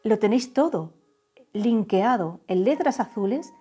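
A woman from giving a tarot reading to her viewers, saying the messages she channels slowly and softly. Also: medium pitch, lively intonation, breathy edge. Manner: slow, soft, drawn-out channeled phrases. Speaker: tarot reader. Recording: faint background music.

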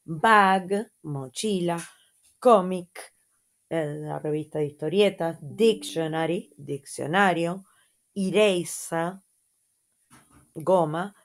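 Argentine woman teacher, unhurried and patient, a touch low, keeps checking in. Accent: Argentine Spanish. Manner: slow, patient, repeats words and adds checking "¿mm?". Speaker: English teacher. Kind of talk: slow lesson review for children.

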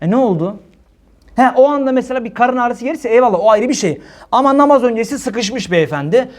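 A man with a high voice preaches to a live congregation in a hall. He jokes and tells stories, mimics the people he talks about, and laughs at his own jokes. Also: animated, a little fast. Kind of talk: humorous religious talk to a congregation.

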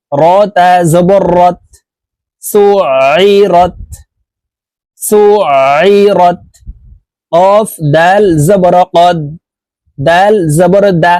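A man teaching Quran reading, spelling out Arabic letters and vowel marks one syllable at a time, then saying each whole word slowly. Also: high-pitched, dark tone, no echo, rough recording.

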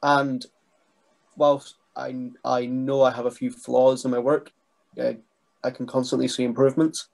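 Brief: young guy, gravelly fry, hesitant, webcam mic in a small bedroom. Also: medium pitch, level tone, measured pace. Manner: soft-spoken, hesitant with many restarts. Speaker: guest, wrestling writer and trainee. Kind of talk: casual interview over video call. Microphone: webcam mic on video call.

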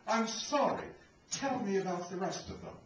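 A man's voice: sits high, moderate pace, lightly acted. A man playing a sardonic, teasing man who talks drily, recorded live on a theater stage. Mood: dry. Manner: dry, teasing. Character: dry sardonic middle-aged man. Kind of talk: live stage comedy acting. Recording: echoey noisy stage from a distant mic.

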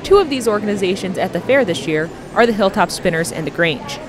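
A woman's voice: medium pitch, lively intonation, brisk, crowd noise. A woman reporter reading a scripted news voice-over in an upbeat way.

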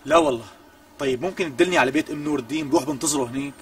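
A man's voice: a little high, very animated, rapid-fire, vocal fry, full character voice. An actor with a Syrian accent playing a persistent, coaxing man who makes ever bigger offers in a TV comedy. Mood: polite. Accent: Syrian Arabic. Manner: coaxing, wheedling, insistent. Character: smooth, pushy man bargaining hard. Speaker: persistent visitor. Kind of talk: TV comedy acting.

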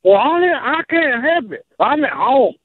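A woman's voice: high-pitched, big pitch swings, moderate pace, slightly rough, dry recording. A woman answering a prank call over the phone, talking bluntly and repeating herself. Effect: heard over a phone line. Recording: tinny phone line.

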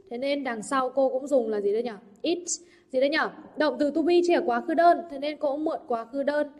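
A woman's voice: high voice, a little mellow. A young adult woman teacher working through English exam answers, often checking in with the class through rhetorical questions. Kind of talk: exam answer walkthrough lesson.

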